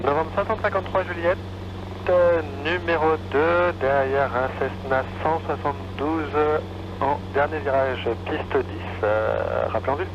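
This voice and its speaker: Male air traffic controller, over a radio, fairly high voice, muffled sound, clear static noise, procedural clearances. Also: a little slow. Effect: heard over a radio. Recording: muffled, very noisy aviation radio.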